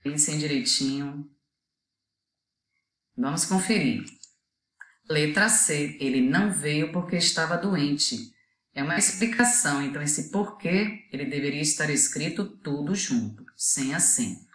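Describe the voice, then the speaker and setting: A woman's voice: deep voice, measured pace, a bit bright, echoey room. A woman teacher with a Brazilian Portuguese accent gives a video lesson, explaining patiently and asking the students to think.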